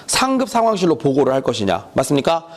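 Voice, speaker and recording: Brisk, high-voiced male exam-prep teacher, playful and chatty. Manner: animated, teasing, acts out student back-and-forth, keeps checking with listeners. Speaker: fire law lecturer. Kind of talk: online exam-prep lecture.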